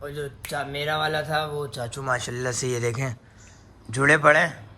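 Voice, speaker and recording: A man's voice: mid-range voice, level tone, moderate pace, sharp tone, a little hiss or hum. A young man, chatting casually to camera as a family vlogger, playful and talking to viewers like friends. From Pakistan. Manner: chatty, playful, addresses viewers as guys and brother. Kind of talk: casual vlog narration to camera.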